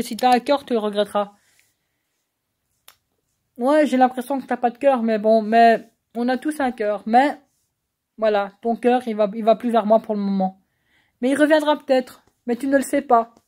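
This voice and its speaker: A woman's voice: on the high side, a little mellow. Rambling woman pleading at the camera. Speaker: vlogger. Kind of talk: personal video message to one person.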